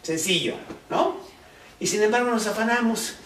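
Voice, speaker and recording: A man preaching a conversational, animated sermon, full of rhetorical questions. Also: high voice, moderate pace, a little hiss or hum. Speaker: pastor. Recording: roomy, distant mic.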